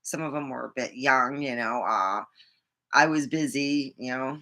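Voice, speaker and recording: A woman's voice: extremely low pitch, measured pace, a bit bright. A middle-aged American woman chatting casually to the camera in a rambling, blunt way with plenty of swearing. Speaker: vlogger.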